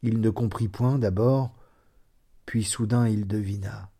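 A man reading a classic short story aloud in a measured, dramatic way. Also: lowish voice, fairly even intonation, mellow, husky. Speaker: reader.

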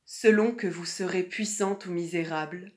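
A woman reading a classic verse fable aloud in a measured, deliberate recitation. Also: fairly low pitch, a little mellow. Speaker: reader.

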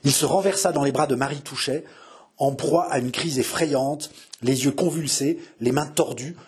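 A man reading a historical novel aloud with dramatic, expressive narration. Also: mid-range voice, moderate pace, husky. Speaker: audiobook reader.

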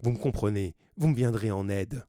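A man's voice: fairly low pitch, normal speed, warm tone, no echo, studio quality, lightly acted. A man reading the part of a determined, devoted young woman in a novel, with firm, pleading lines.

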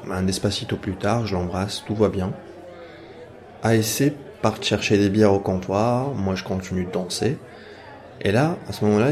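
A man's voice: on the low side, darkish tone. A young man telling a personal night-out story in a casual, wry way, with frequent hesitations. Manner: casual, wry, fillers and pauses. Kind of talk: first-person spoken story.

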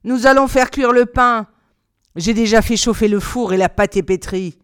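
A woman voicing a cruel, greedy old witch in a storybook reading, shrill and bossy. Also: normal speed, clear, resonant tone, no room sound, studio quality, close to an everyday voice. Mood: curt.

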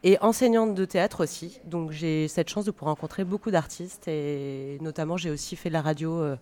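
A woman's voice: low-pitched, normal speed, dark tone. A woman speaking conversationally as a radio panel guest, often searching for her words. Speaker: guest, stage director and drama teacher.

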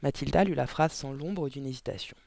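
A man narrating a children's audiobook in an expressive storytelling manner. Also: mid-range voice, brisk, vocal fry, dry recording. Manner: expressive storytelling with character voices.

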